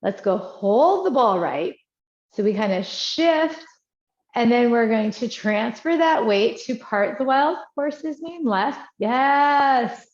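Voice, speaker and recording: A woman teaching tai chi, giving calm, encouraging movement cues in short, unhurried phrases. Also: on the high side. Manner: encouraging, praising as she guides. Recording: dull, echoey room sound.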